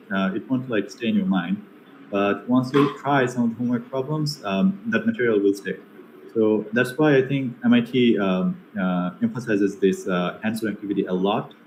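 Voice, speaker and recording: Answering questions as a guest in an online seminar, a young man from Bangladesh speaks with a Bangladeshi accent, stumbling through many fillers and restarts. His voice sits on the low side and is a little mellow, captured in an echoey room with faint background noise.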